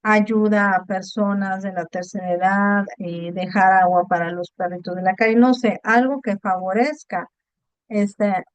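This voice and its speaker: Smooth-voiced woman tutor. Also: mid-range voice, fairly even intonation, a little slow, dry recording, lo-fi sound. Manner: patient, explanatory, checks in with "¿ok?". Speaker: online course tutor. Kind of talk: virtual class explanation. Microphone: video call.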